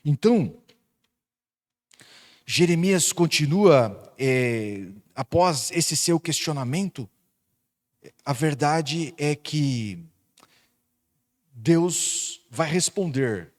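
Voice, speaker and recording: A man with a Brazilian Portuguese accent preaching a sermon as pastor, swinging between loud emphatic peaks and quiet intimate asides. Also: on the high side, lively intonation, drawn-out words, pauses often.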